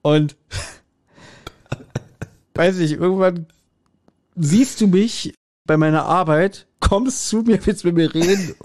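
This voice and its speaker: Male podcast co-host, slightly high voice, casual and laughing recap style. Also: slow, long pauses, a little mellow. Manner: chatty, retells the plot with frequent laughs. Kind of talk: casual episode discussion.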